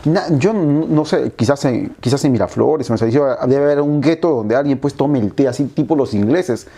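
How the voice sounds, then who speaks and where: A man's voice: medium pitch, normal speed, warm tone. A man with a Peruvian accent, a history teacher hosting a casual interview, who hesitates, repeats words and drops in short agreements. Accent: Peruvian Spanish. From Peru.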